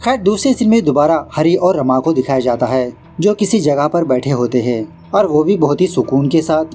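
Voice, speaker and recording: A man's voice: a little high, expressive, dark tone, breathy edge, soft background music. A man narrating a casual recap of a horror film, mixing in English words and joking at the director. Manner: brisk storytelling with English words mixed in; quips at the film's director. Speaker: movie explainer.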